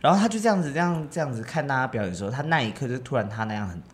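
A man's voice: mid-range voice, lively intonation, rapid-fire. A man chatting casually in a playful way and laughing often. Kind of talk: casual chat.

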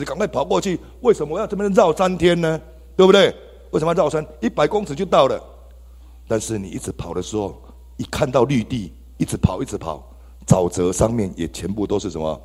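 A man with a Taiwanese Mandarin accent tells his testimony to a congregation, his low, husky voice leaping up and down with exclamations. The sound rings with the long reverb of a church hall. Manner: animated, exclamatory, addresses the congregation. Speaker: church member giving testimony. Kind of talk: testimony sermon.

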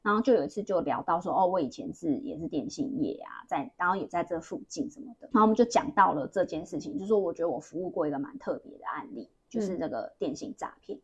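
A woman's voice: on the low side, animated, fast, hardly any pauses, slightly rough. A young woman with a Taiwanese Mandarin accent, chatting casually on a podcast and telling a long story full of restarts. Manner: rambling storyteller with many restarts. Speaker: podcast co-host.

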